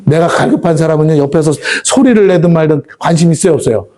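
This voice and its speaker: Fervent Korean pastor, warm higher voice. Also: male voice, fast talker. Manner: fervent, rising to shouts, asks the congregation questions. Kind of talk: sermon.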